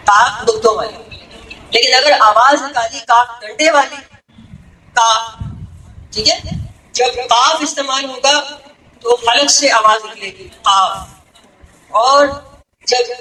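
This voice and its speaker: In an echoey hall, a female religious speaker (zakira) teaches a gathering in a fairly high, fairly bright voice. She explains things step by step and keeps checking that listeners follow. The mic is distant and there's faint noise.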